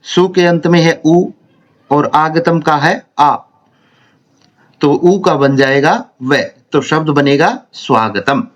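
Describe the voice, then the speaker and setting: Man teaching a grammar lesson, slow and careful, kinda high voice, spells out each sound. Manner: slow, deliberate, repeats and spells out syllables. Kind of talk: Sanskrit grammar lesson explained in Hindi.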